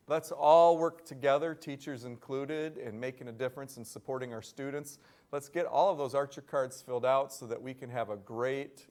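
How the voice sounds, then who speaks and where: A man doing live school morning announcements, upbeat and rattling off long lists of names with bursts of excitement. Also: medium pitch.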